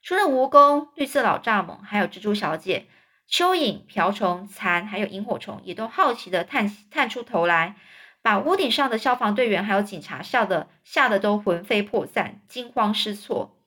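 A woman's voice: medium pitch, expressive, normal speed, a bit bright. A woman reading a children's book aloud and stopping to explain hard words. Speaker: storyteller for children.

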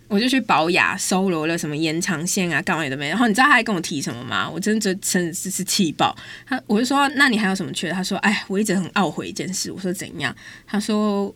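Woman, bright voice, fast exasperated storytelling. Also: lowish voice, dry recording. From Taiwan. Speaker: host. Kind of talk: casual storytelling chat.

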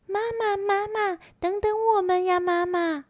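A woman voicing a group of eager little tadpole children in a high, childlike storybook voice. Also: unhurried, no echo, clean studio sound. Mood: excited. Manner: high, calling out excitedly.

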